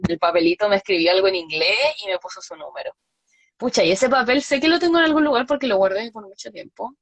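A woman's voice: medium pitch, quick pace, dry recording. A young Chilean woman chatting casually, telling a story with laughs and acted-out quotes. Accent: Chilean Spanish. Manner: animated, laughs often, acts out quoted lines.

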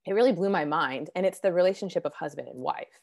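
A woman giving an earnest, conversational Bible teaching, a little hoarse as she recovers from losing her voice, clearing her throat now and then. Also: lowish voice, fast, a little mellow. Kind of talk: devotional Bible teaching talk.

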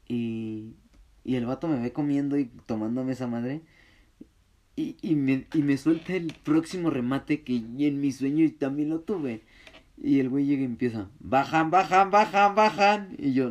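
Slangy Mexican man telling a story. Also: medium pitch. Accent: Mexican Spanish. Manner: slangy, laughing, excitable storyteller. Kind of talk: casual storytelling.

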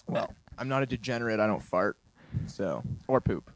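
A man's voice: on the low side, sing-song, normal speed, no room sound. A man in a casual podcast chat, joking and teasing his friends. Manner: joking and teasing, breaks into laughter.

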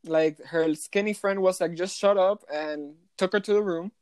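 A young woman casually telling a hotel front desk story as a podcast co-host, animated and swearing a lot, sometimes slipping into Spanish. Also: fairly low pitch, moderate pace, clean tone, no echo. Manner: switches between English and Spanish.

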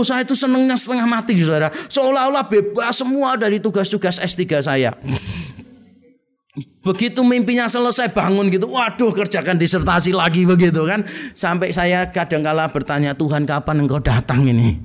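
A man preaching a sermon, addressing his listeners directly, joking and acting out little scenes in quoted voices. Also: sits high.

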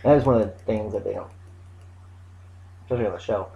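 Male, casual co-host, low gravelly voice, halting and full of ums. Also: lo-fi sound. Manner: rambling, halting, lots of ums. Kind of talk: casual chat.

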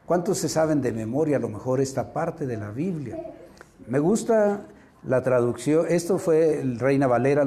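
A man's voice: mid-range voice, dark tone. A man preaching a sermon as pastor, often asking the congregation questions and growing more fervent as he goes.

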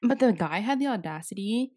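A woman's voice: medium pitch, lively intonation, fairly quick, dark tone, dry recording, studio quality. A young woman co-hosting a podcast, telling a rambling story in casual chat, full of "like" fillers and freely swearing. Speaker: podcast co-host.

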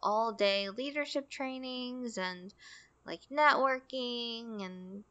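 A young woman chats casually on a podcast, spinning a story and acting out the voices of the people in it. Her voice sits a little high and sounds bright, smooth and clear. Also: takes it slowly, muffled recording. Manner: chatty storytelling, acts out quoted lines. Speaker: podcast co-host.

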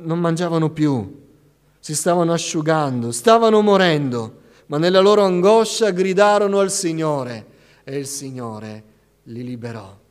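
A man preaching a sermon with passion, rising to loud cries and dropping to hushed tones. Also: on the high side. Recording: long reverb of a church hall.

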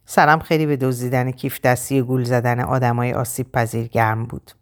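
A woman's voice: extremely low pitch, level tone, voice pushed down. A woman voicing a casual, angry young man who answers sardonically in an audiobook. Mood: sardonic.

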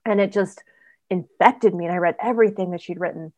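A woman author chatting as a guest on a podcast interview, telling stories in an animated way with frequent ums. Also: lowish voice, no echo, highs cut off. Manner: animated storyteller, quick asides, frequent ums. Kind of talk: casual interview chat.

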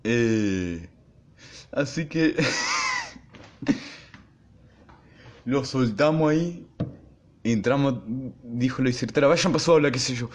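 A young man with an Argentine accent, hosting his podcast and telling a school story in a casual, slangy, animated way. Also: mid-range voice, normal speed. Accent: Argentine Spanish. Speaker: podcast host.

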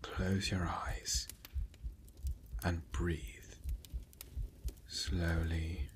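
A man giving gentle, reassuring ASMR relaxation in a soft spa-like whisper, in short phrases with pauses. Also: sits low, little pitch movement, a little hiss or hum. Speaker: ASMR guide.

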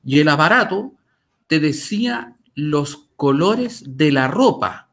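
Slow and lively in intonation, this fairly high, fairly bright male voice carries a Chilean Spanish accent. As an interview guest he tells stories and comments in an articulate, emphatic manner, repeating phrases to press his points.

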